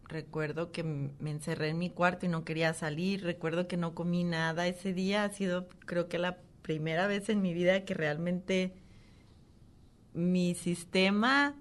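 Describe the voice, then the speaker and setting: A woman in her thirties, an interview guest, giving an emotional, halting personal testimony. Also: on the low side.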